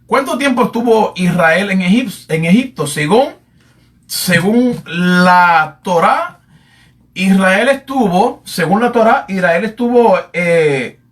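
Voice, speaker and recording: A man with a high voice teaches from the Bible in sermon style, repeating phrases and pausing on fillers as he calls out to his beloved listeners. He sounds set back a little from the microphone. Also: lively intonation, distant mic. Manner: repetitive, addresses listeners as "amado", many fillers. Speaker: preacher.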